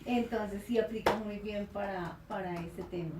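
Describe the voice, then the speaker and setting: A woman in a casual studio chat, chiming in with quick remarks. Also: mid-range voice, echoey room, far from the mic, very noisy. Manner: chatty, chimes in with quick remarks.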